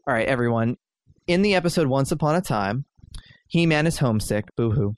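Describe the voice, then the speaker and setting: A man's voice: mid-range voice, animated, a little fast, dry recording. Guy hosting a podcast, chatty, laughs a lot, dry close mic. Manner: chatty, laughs often, many fillers. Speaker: podcast host. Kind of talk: casual chat.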